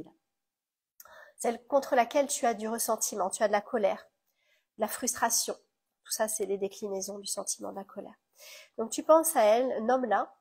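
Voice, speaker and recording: A woman with a French accent guiding a tapping session, gently coaching the listener through each step. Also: fairly high pitch, slightly rough. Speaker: EFT tapping guide.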